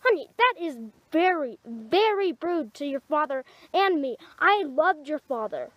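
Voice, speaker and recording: A woman's voice: sits high, expressive, unhurried, no echo, lo-fi sound. A woman voicing a protective, widowed mother rabbit who scolds in an anxious, motherly way. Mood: scolding, tender.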